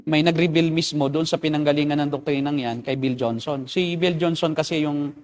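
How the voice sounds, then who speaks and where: A man with a somewhat high voice speaks as a pastor in a relaxed discussion. He explains at length in a lecturing tone. He often acts out the remarks of other people as he goes. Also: fairly quick.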